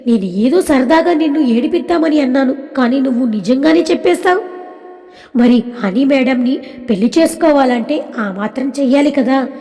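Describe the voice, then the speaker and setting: A woman voicing an earnest, gently teasing young college man in an audio story, speaking softly and sincerely. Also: high voice, lively intonation, moderate pace, soft background music. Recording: long hall reverb.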